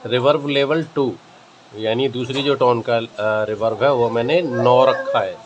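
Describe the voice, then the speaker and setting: A man's voice: medium pitch, unhurried, dull audio. Man teaching keyboard settings with hesitant fillers. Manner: hesitant, with frequent filler sounds. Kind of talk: casual tutorial explanation. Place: indoor room with a keyboard. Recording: noisy home camera recording.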